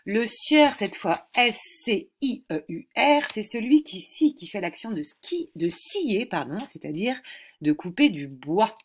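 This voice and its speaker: A woman giving an informal pronunciation lesson, explaining word by word like a teacher and reciting tongue twisters slowly and then faster. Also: medium pitch, very animated. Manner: recites tongue twisters, from slow and deliberate to fast. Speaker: host presenting a French tongue twister.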